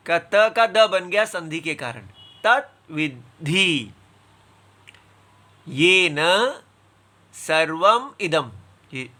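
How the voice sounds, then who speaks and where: A man teaching scripture at a very unhurried pace, with a slightly high, bright voice. He explains patiently and breaks each word into its syllables, sometimes reciting verses in a slow chant.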